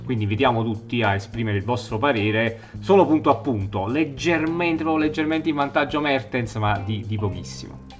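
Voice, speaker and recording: A man co-hosting a casual football chat, friendly and quick to agree. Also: medium pitch, faint music behind. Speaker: co-host of a football show.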